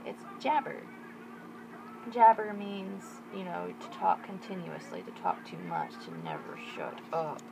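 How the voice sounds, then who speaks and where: A woman's voice: on the low side, huge pitch swings, measured pace, vocal fry, background noise. A young woman with a Texas accent, chatting informally and in a folksy way as she explains things. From Texas, United States. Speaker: vlogger explaining regional slang. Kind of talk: casual explainer to camera with examples.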